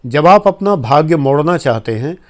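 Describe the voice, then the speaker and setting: A man's voice: on the high side, expressive, normal speed. A man in his fifties from India, giving an informal spoken lecture to viewers in an earnest, admonishing way. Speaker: life coach and former administrator.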